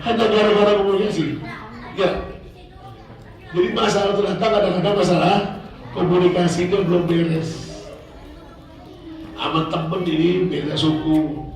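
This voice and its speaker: A hoarse man with a Betawi accent, giving a casual sermon full of jokes and playful asides. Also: high-pitched, fairly even intonation, normal speed, long pauses, some chatter behind. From Jakarta, Indonesia. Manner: joking storyteller, playful asides. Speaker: preacher. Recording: very echoey hall, voice far from mic.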